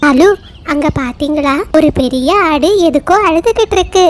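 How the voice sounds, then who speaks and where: A woman's voice: high voice, normal speed, lightly acted. A woman voicing a scheming female crow who speaks in a nosy, wheedling way. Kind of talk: cartoon voice acting.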